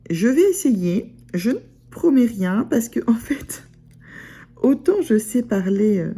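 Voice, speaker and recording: Her voice is on the high side, warm and husky, and she speaks slowly yet with great animation. A woman vlogging about sewing, she has a Picard (Ch'ti) accent from northern France. Her casual talk to camera rambles, packed with fillers and restarts.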